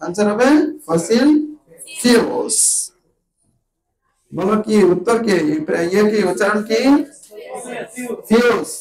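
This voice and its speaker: A man's voice: high voice, moderate pace, low-quality recording. A man from Bangladesh teaching an IELTS reading class, asking his students the same short questions again and again. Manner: drills students with repeated questions. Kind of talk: classroom lesson.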